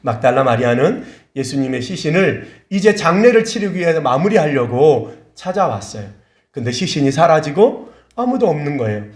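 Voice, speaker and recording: A male pastor preaching a sermon, animated and acting out scenes, recorded on a phone in a church sanctuary. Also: on the high side, moderate pace. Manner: animated, acts out scenes with voices. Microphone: phone camera. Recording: echoey church hall.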